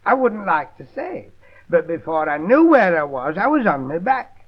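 A comedian telling a rambling, mock-polite comic monologue. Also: male voice, high-pitched, sing-song, moderate pace. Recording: dull lo-fi 1930s record.

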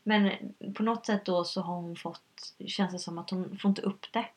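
A woman's voice: on the low side, steady tone, husky. A woman telling a personal story in conversation, hesitant and earnest, with many fillers. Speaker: guest.

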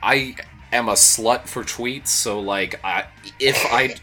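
A man's voice: medium pitch, slow, music in the background. A man co-hosting a casual podcast, loose and joking, swearing often and laughing. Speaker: podcast co-host. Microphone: own mic, recorded separately.

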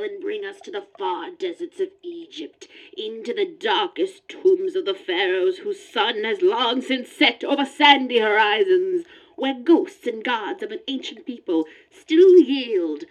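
A woman's voice: mid-range voice, rough recording. A woman announcing an old radio mystery serial with dramatic, ominous delivery. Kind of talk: 1940s radio acting.

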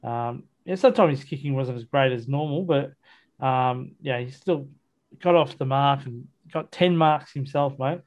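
A man's voice: medium pitch, normal speed. An Australian man hosting a casual football podcast, talking in a matey, colloquial, blokey way. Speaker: sports podcast host. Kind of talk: casual football chat, match review.

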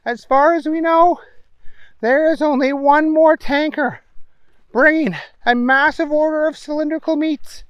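A man voicing a perky TV newswoman reading the news in a high, bright tone. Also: fairly even intonation, unhurried, no echo, lo-fi sound. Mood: chirpy. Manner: bright, chirpy newsreader delivery. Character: perky TV newswoman, adult woman.

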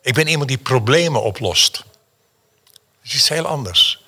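A man's voice: mid-range voice, animated, normal speed, bright, forceful tone, husky. A man, a painter, telling stories as an interview guest, theatrical and emphatic, repeating phrases for effect. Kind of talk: animated storytelling in an interview.

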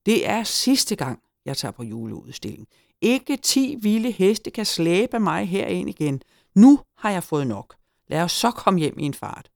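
A woman voicing a grumpy little old male farm gnome who shouts and huffs, in a storybook reading. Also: a bass voice, very animated, creaky, no echo, studio quality, full character voice. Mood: grumbling. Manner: shouting, huffy, cantankerous.

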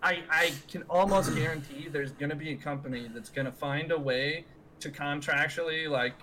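A man's voice: on the high side, normal speed, bright, forceful tone, a little hiss or hum. A young American man bantering casually as a podcast co-host, talking like a frat bro with plenty of slang and swearing.

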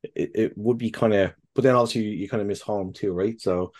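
A man co-hosting a podcast, talking casually in halting bursts full of restarts and fillers, with casual swearing. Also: lowish voice, steady tone, darkish tone. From the UK and Ireland. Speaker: podcast co-host. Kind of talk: casual chat.

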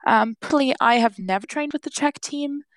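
A woman's voice: high voice, fairly quick, dry recording. A young woman from Austria, a podcast guest giving a prepared account with frequent ums. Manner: frequent hesitant ums between phrases. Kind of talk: prepared monologue.

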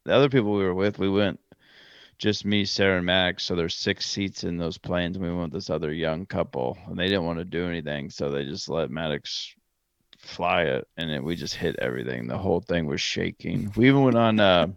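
A man with a very low, gravelly voice rambles casually through a trip story on a podcast, often stopping to correct himself. The sound is dry and a bit dull, like a lo-fi home mic. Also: fairly quick, no echo. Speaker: podcast co-host. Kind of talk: casual chat.

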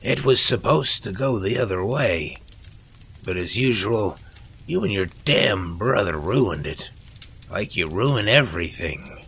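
A man's voice: lowish voice, expressive, creaky, husky, full character voice. A man voicing a cackling, treacherous male villain who gloats and mocks. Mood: gloating. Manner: mocking, boastful, quick to shout.

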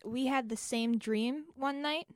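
A woman's voice: high-pitched, unhurried, no echo, studio quality. Chatty young woman with a raised voice. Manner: chatty, filler-heavy, gets excited retelling stories. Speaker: podcast co-host. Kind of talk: casual chat.

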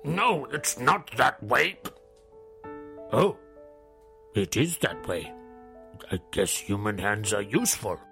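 A man voicing a grumpy, vengeful male badger villain who talks in slow threats. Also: mid-range voice, sing-song, creaky, bright, forceful tone, soft background music, exaggerated voice. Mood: sheepish.

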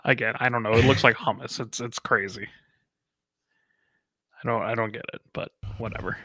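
Gravelly wry podcast man. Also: medium pitch, steady tone, normal speed, pushed and bright, no room sound. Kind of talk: casual podcast chat.

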